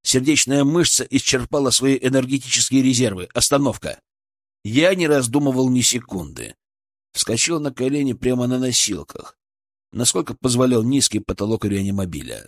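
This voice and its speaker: A man's voice: medium pitch, animated, normal speed, no echo, clean studio sound. A man reading a fantasy audiobook aloud in tense first-person narration. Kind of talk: scripted narration.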